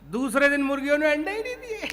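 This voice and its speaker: A man's voice: very high voice, sing-song, fast, fairly bright tone, slight background noise. A man performing comic poetry on stage, chanting sing-song refrains and tossing joking asides to the audience. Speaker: comic poet. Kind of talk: comic verse recital on stage. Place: stage at a live poetry gathering. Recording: echoey hall sound.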